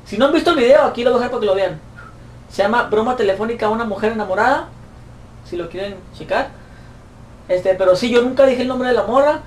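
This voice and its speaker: A man with a Mexican accent, a YouTuber answering fan questions in a profane, mocking comic rant. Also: fast talker. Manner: profane, mocking, shrill put-on voices when quoting. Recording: roomy echo, distant mic, faint noise.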